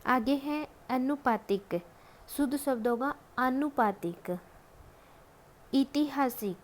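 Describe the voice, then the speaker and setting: A woman giving a Hindi spelling lesson, speaking patiently and deliberately and pausing often to think. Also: on the high side, darkish tone. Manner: patient, deliberate, many drawn-out hesitations. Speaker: Hindi grammar teacher.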